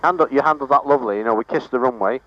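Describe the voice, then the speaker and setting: A man's voice: medium pitch, very fast, a bit bright. A man coaching a flying lesson from inside the cockpit, informal, encouraging and reassuring. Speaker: flight instructor. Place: inside a small microlight aircraft cockpit. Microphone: aviation headset. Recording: dull, noisy cockpit intercom audio. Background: engine and cockpit noise.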